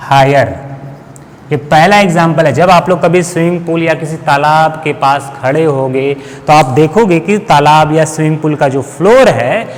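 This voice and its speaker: A classroom physics lesson for school students is led by a man whose voice runs on the high side, with a big-room sound around him. He works through the material step by step, raising his own questions and then answering them.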